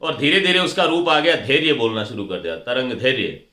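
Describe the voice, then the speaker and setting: A man's voice: mid-range voice, brisk, sharp tone. A middle-aged man giving a lecture on pronunciation for stage anchoring, repeating words to contrast right and wrong forms. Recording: echoey room.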